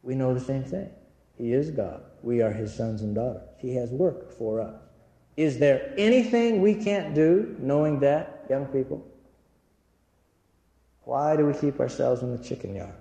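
A man's voice: mid-range voice, expressive, measured pace, creaky, mellow. A man giving an earnest inspirational church talk, telling stories and speaking directly to his audience. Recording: echoey hall with long reverb.

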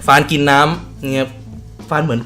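A man's voice: mid-range voice, steady tone, moderate pace, sharp tone, soft background music. A man giving casual reaction commentary on video clips, laughing often and swearing offhandedly.

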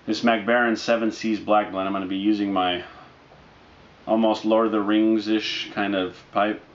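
A man in his thirties chatting casually to camera as a reviewer, in a laid-back, halting, unscripted way. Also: lowish voice, level tone. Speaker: product reviewer. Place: living room, indoors, on a couch. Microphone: camera mic a short distance away. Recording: dull lo-fi audio with noticeable background noise.

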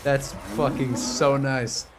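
A man in his twenties live-streaming a strategy game, rambling and swearing with excitable casual commentary. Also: medium pitch, slow pace, noisy background. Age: 20s.

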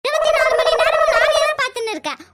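Woman playing a bossy cartoon mother-in-law, very high voice, scolding, hissy recording. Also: fast. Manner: scolding, nagging.

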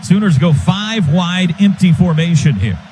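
An American man with a high voice calls live football play-by-play on the radio, speaking a little slowly. His clipped phrases turn into excited calls that climb with the action, over loud stadium noise.

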